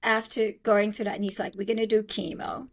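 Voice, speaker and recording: A middle-aged woman, telling her own story as an interview guest, animated and acting out what others said, laughing often. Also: medium pitch, fairly quick, slight background noise. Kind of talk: conversational storytelling.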